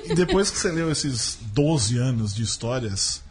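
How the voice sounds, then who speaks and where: A man's voice: mid-range voice, animated, moderate pace. A Brazilian man hosting a podcast in casual, informal, slangy conversation. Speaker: podcast host. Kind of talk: casual chat.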